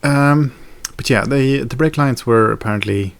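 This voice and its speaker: A man's voice: mid-range voice, moderate pace, vocal fry. A young man chatting casually in a daily vlog, rambling with fillers and self-corrections. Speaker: video blogger.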